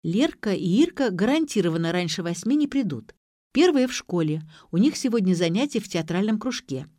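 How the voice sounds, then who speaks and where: A woman voicing a bossy, quick-tempered young woman who gives emphatic orders, in an audiobook. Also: mid-range voice, very animated, dark tone, no room sound, studio quality. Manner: emphatic, commanding.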